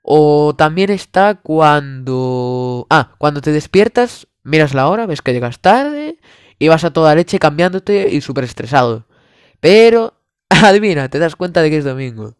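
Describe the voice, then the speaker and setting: A young Spanish-accented man from Spain riffs through a comedic monologue, sarcastic and over the top, swearing freely. His voice sits somewhat high for a man. The sound is dry and close with no room to it. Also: very animated, measured pace, clear, resonant tone, no room sound.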